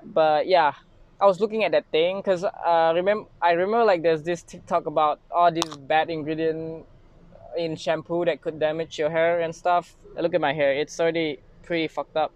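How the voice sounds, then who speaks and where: Young man, Malaysian English accent, casual haul vlog in a parked car, phone held close, clear slightly high voice. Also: steady tone, moderate pace, muffled recording. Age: young adult. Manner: rambling, self-mocking, lots of fillers and restarts. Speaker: vlogger. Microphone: phone camera held close.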